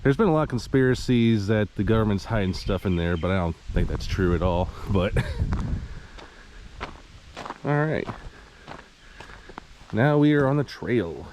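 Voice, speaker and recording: A man's voice: lowish voice, animated, measured pace, long pauses, darkish tone, slight background noise. Rambling man vlogging on a trail. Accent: Midwestern American. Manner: rambling, chuckling, hedging with fillers. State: a little out of breath. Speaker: hiking vlogger. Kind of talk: casual vlog narration while hiking. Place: outdoors on a wooded hiking trail.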